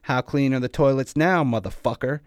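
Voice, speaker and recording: A man voicing an enraged young man who shouts in clipped, seething bursts. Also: medium pitch, moderate pace, dry recording, pitched above the performer's own voice, close to an everyday voice. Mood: raging.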